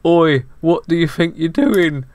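A man's voice: fairly high pitch, a little slow, darkish tone, dry recording, pitched above the performer's own voice, natural voice. A man voicing a cocky male villager who tacks slang tags onto his lines and insists on a silly tradition. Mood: cheeky.

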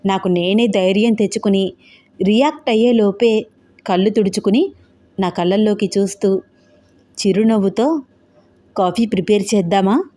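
A woman narrating an audio novel in a steady storytelling manner. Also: medium pitch, moderate pace, pauses often.

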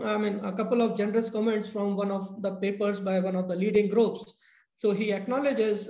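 A middle-aged man giving a technical keynote lecture over a video call, halting with many fillers and restarts. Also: high-pitched, dark tone. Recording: echoey room.

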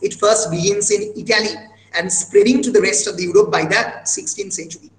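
Man, high voice, literature lecture, many "uh" fillers, roomy echo. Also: big pitch swings, drawn-out words. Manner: recites quotations with feeling. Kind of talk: online lecture mixing Bengali and English.

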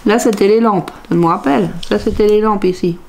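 A woman's voice: medium pitch, brisk, mellow, slight background noise. A middle-aged woman chatting casually to camera from her craft room, musing aloud and half-singing repeated phrases as she hunts through her purchases. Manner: musing aloud, sing-song repeated phrases while searching. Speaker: crafts vlogger. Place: home craft room, indoors.

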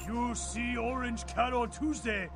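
A man voicing a crackly, gravelly fortune-telling booth machine in a video game, speaking slow broken English and shouting warnings. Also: very high-pitched, fairly even intonation, faint music behind. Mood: flat.

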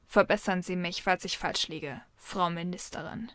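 A woman voicing a proud, bitter young man who speaks in a slow, clipped, scornful way. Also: lowish voice, fairly bright tone, dry recording, pitched below the performer's own voice, lightly acted. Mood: cold, scornful.

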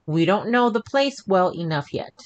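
A man with a very deep voice voicing his teasing, skeptical wife in a high, drawn-out voice during a spoken horror story. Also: expressive, dull audio. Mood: wry. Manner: taunting, slow and drawn out.

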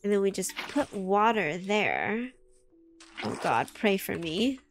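A woman's voice: medium pitch, big pitch swings, slow. A young woman chatting casually through a game, easily startled, often yelping and screaming in alarm. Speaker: gaming YouTuber. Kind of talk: casual let's play commentary. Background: soft background music.

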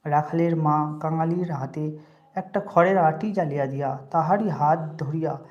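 Storyteller reading old literary prose, slow and solemn, dark mellow tone. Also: mid-range voice, highs cut off. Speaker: narrator.

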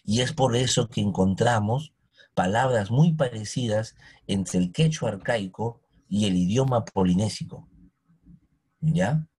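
A man's voice: lowish voice, expressive, a little slow, a little mellow, breathy edge. A man teaching history, who keeps asking his listeners questions and coaxing answers. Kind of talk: recorded history lesson.

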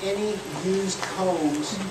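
A man's voice: high-pitched, very slow. Male beekeeping instructor, 40s, practical and explanatory, captured by a distant camera with noise. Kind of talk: hands-on teaching talk. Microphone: far camera. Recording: echoey and noisy from far off.

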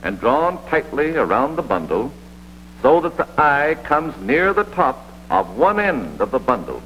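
Very animated yet unhurried, this American man's medium-pitched voice has a slightly bright quality. He narrates a vintage military training film with scripted, authoritative instruction, and the old soundtrack is dull, with hum and hiss.

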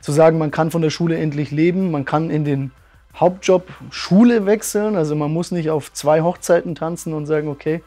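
A man's voice: on the high side, a little fast, dark tone, faint music behind. A man in his thirties, a martial arts school owner, telling his story in a testimonial interview, earnest and thoughtful, with many fillers. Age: 30s. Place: bright room with curtains, indoors.

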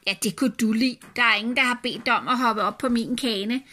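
A woman's voice: fairly high pitch, bright, forceful tone. A woman reading the lines of a grumpy, drunk man who drives a sleigh, while reading a story aloud.

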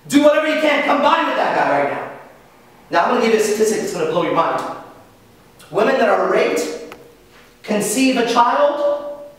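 High-voiced male lecturer in echoing hall. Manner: blunt, crude, with frequent swearing; acts out quoted voices. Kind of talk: live lecture to an audience. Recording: echoey hall from far off.

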